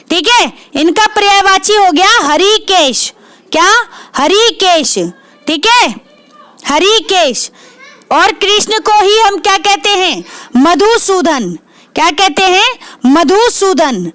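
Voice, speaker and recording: A woman's voice: very high-pitched, fairly bright tone, dry recording. A woman teaching Hindi vocabulary for exams, repeating each word and asking and answering her own questions. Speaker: Hindi literature exam tutor. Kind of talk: exam prep lesson.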